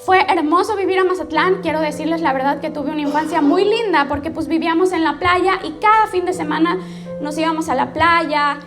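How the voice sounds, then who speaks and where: High-voiced Mexican woman pastor testifying. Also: brisk, music in the background. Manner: storytelling, addresses the audience directly with frequent "¿ok?". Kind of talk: personal testimony sermon.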